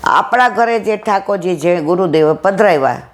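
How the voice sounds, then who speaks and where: At a devotional satsang, a woman tells a story by retelling a conversation, affectionately addressing her listeners as "my dear". Her voice is on the low side, with lively intonation and normal speed.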